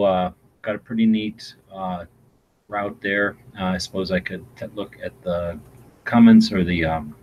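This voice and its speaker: A man's voice: sits low, muffled recording, slight background noise. A man hosting a casual live-stream chat, rambling along with many fillers and restarts. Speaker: gun channel host. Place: home in Arizona.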